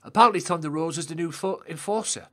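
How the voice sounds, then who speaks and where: A young man calls the action of a wrestling game on a live stream, swearing freely and addressing his chat viewers directly. His voice sits a little high for a man. His delivery jumps between excited outbursts and offhand asides. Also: quick pace.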